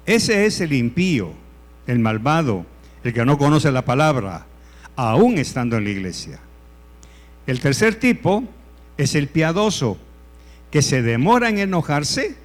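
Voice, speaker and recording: A male pastor preaching a sermon, repeating his points emphatically and swinging between loud and hushed delivery. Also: fairly high pitch. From El Salvador.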